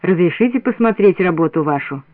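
A man voicing a pompous foreign bell-casting master who speaks slowly in careful, broken phrases. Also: sits high, lively intonation, no room sound. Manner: slow, careful, broken speech. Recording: dry, narrow radio sound.

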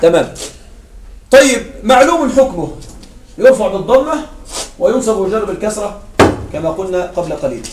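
A man's voice: sits high, animated, fairly quick, pauses often, roomy sound, distant mic, a little hiss or hum, rough recording. A man teaching an Arabic grammar lesson, explaining step by step and often checking that his students follow. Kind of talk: classroom grammar lecture.

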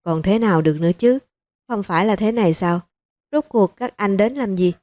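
A woman's voice: brisk, a little mellow, no room sound, close to an everyday voice. A woman voicing a grieving elderly mother-in-law who pleads and sobs through her words, in an audiobook reading. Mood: bitter. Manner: sobbing, begging, high-pitched.

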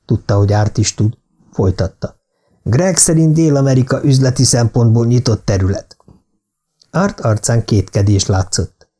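A man narrating a thriller novel as an audiobook in a steady, even reading. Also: mid-range voice.

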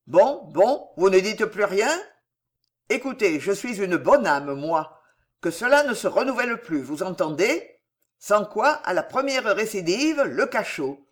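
A reader doing a blustering, condescending prison governor in a storybook reading, speaking loudly and swinging the pitch all over as he scolds with fake kindness. The voice sits mid-range in pitch. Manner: loud, condescending, mock-friendly scolding. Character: gruff, jovial prison governor, middle-aged man.

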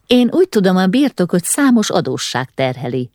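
A woman voicing a spiteful middle-aged baroness with a shrill, piping voice and snide, needling remarks. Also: sing-song, a little mellow, no echo, clean studio sound. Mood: sneering.

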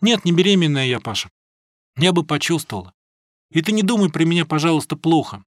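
A man doing a soft, sad young woman. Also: deep voice, lively intonation, a little fast, no room sound. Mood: tender. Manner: soft, tender, consoling.

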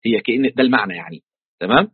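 A man's voice: mid-range voice, expressive, quick pace, husky, no echo. A man with an Egyptian accent who teaches a religious text online. He explains it in everyday colloquial speech, with examples from daily life. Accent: Egyptian Arabic. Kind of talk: online tafsir lesson. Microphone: computer call mic. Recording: tinny online call audio.

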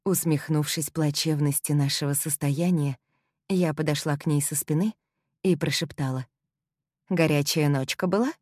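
A woman narrating a first-person novel in an audiobook, wry and expressive. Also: deep voice, normal speed, slightly rough, no room sound, clean studio sound.

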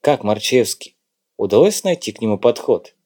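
A man's voice: medium pitch, sing-song, moderate pace, dark tone. A man reading an audiobook, voicing a terse, ironic woman in her forties.

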